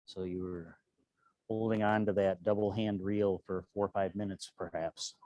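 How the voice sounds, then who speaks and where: A man teaching tai chi and qigong, calmly and serenely cueing each movement step by step. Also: sits low, normal speed, no room sound. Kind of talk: tutorial movement cues.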